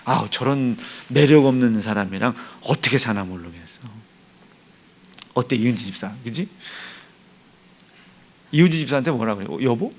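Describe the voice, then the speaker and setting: A male pastor delivers a lively sermon in a church, his pitch swinging widely as he teases members of the congregation. He keeps acting out little household dialogues, calling on people by name in a playful, animated way. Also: moderate pace, pauses often. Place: church sanctuary.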